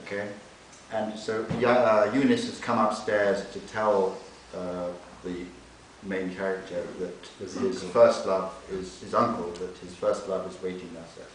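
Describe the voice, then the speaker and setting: A distant recorder catches a literary translator at a live library reading as he presents and reads from a novel extract. He speaks low and flat at a measured pace, and the room comes through echoey with hiss.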